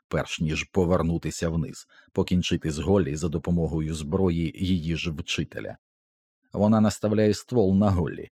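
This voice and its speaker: A man narrating an audiobook with a tense, expressive dramatic reading. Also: low voice, husky, dry recording, studio quality.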